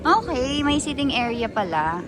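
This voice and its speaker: A woman's voice: high-pitched, big pitch swings, moderate pace, heavy background noise. A woman vlogging casually outdoors at a park and cafe, chatting to viewers and coaxing a small child along. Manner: playful, coaxing a child, lots of laughing and cheering. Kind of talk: casual vlog chat while walking with family.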